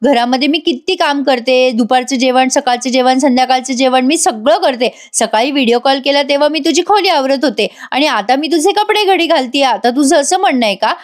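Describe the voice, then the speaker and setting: A woman's voice: sits high, fairly quick, hardly any pauses, close to an everyday voice. A woman voicing a sassy young wife who teases her husband and dodges his questions in chatty, playful talk. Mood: teasing. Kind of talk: acted voice in an episode recap.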